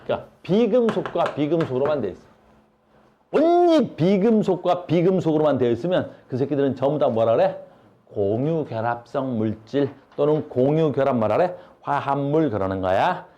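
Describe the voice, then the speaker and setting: Guy teaching science class, blunt and slangy, keeps quizzing the kids, kinda high voice, muffled lo-fi sound. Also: big pitch swings, moderate pace, warm tone. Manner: blunt, slangy, asks students questions constantly. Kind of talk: classroom lecture.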